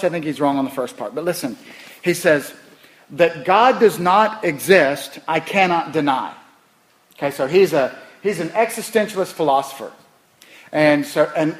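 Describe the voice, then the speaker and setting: A middle-aged male pastor preaching a sermon, impassioned, repeating phrases and swinging from soft, low words to loud, rising ones. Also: rough recording.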